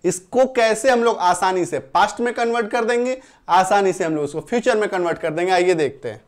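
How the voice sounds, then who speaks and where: A man's voice: sits high, brisk. A male English grammar teacher explaining rules in a Hindi-medium lesson, repeating each point and often checking that students follow. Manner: reassuring, plain explanations.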